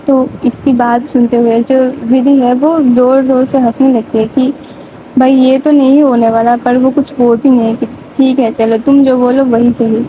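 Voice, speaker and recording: A woman's voice: high voice, level tone, dark tone. A young woman retelling a love story in a loose, chatty way, full of casual fillers. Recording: dull lo-fi audio with faint noise.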